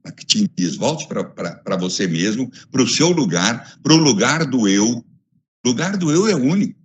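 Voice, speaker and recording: A man with a Brazilian Portuguese accent giving an academic lecture over a video call by phone, emphatic and expressive, building ideas through repeated lists. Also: medium pitch, a little slow, breathy edge.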